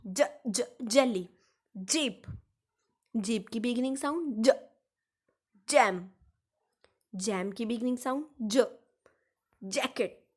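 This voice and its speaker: A woman teaching young children their letter sounds, slowly sounding out and repeating each one. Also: fairly high pitch. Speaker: kindergarten English teacher. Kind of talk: phonics lesson for young children.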